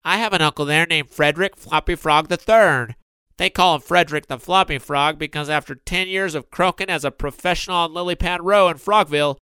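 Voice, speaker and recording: Man doing a croaky, chatty bullfrog. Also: a little high, pushed and bright, no echo, pitched above the performer's own voice.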